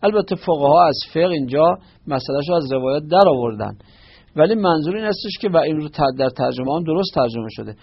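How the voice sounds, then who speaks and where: A man's voice: on the high side, expressive, husky. A man giving a religious lesson on word meanings. He explains step by step, quoting Arabic phrases and glossing each one, with frequent restarts and self-corrections. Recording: dull, lo-fi recording.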